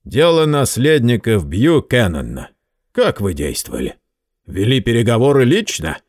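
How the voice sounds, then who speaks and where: A man voicing a big, suave male lawyer who threatens slowly and politely. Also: medium pitch, huge pitch swings, a little mellow, dry recording, clean studio sound, pitched above the performer's own voice. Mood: coolly menacing. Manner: slow deliberate polite menace.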